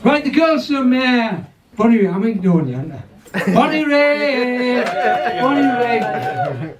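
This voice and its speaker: An older man runs a small pub comedy night, rambling through sweary stories and chatting with the crowd. His voice sits very high and swoops about. He was recorded from some distance, with a noisy audience around him. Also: brisk. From North East England. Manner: rambling, sweary, laughing at his own jokes. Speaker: comedy club MC. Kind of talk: stand-up compering and crowd work. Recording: distant mic, lively crowd.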